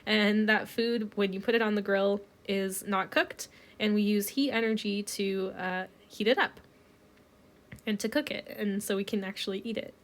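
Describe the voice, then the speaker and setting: Still getting over a cold, a woman teaches a recorded chemistry lecture in a mid-range voice at normal speed. She stays relaxed and explains things one step at a time, with lots of ums along the way.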